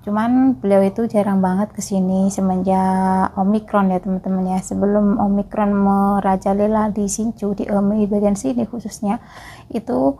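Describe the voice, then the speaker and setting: A woman's voice: medium pitch, flat delivery, moderate pace, mellow. A woman from East Java, a migrant caregiver chatting casually to her viewers in a vlog and often calling them friends. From East Java, Indonesia.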